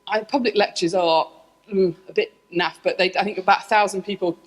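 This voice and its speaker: A woman in middle age addresses a conference room, explaining her research with lively, self-deprecating asides. Her voice sits at an ordinary middle pitch, neither high nor low. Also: fairly quick, rough recording. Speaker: scientist giving a public talk. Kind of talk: conference talk. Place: lecture room.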